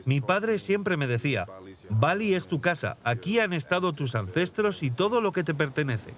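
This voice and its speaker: A calm, easygoing young prince with a slightly high voice, as a male dub actor voices him. He speaks reflectively and steadily in a documentary voice-over. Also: normal speed. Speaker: dubbed interviewee voice-over.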